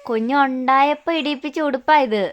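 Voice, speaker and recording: A woman's voice: sits high, fairly even intonation, moderate pace, muffled recording. A young mother filming a family vlog, coaxing her toddler in sing-song baby talk.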